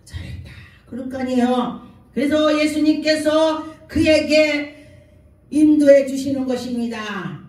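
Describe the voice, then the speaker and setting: A woman's voice: high voice, measured pace, a little mellow. A woman pastor preaching a sermon, telling stories and acting out the quoted speech. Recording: echoey hall from far off.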